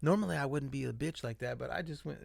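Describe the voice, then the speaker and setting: A man's voice: medium pitch, quick pace, creaky, dry recording. A man co-hosting a comedy podcast, telling rambling, crude stories with plenty of swearing. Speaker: podcast co-host. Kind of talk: casual comedy podcast chat.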